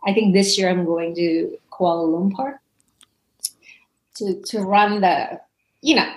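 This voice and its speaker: Recorded in a reverberant room with slight background noise, a parent coach from Indonesia, a woman in her forties, chats through casual interview answers as a guest. She sounds warm, laughs a lot and restarts often, her lowish voice moving at a slow pace.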